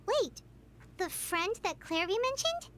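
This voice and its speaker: Tiny curious game companion, very high voice, lively pitch, inquisitive, music behind. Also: female voice, a little hiss or hum, heavily acted. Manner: inquisitive, quick to ask. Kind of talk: game story cutscene dialogue.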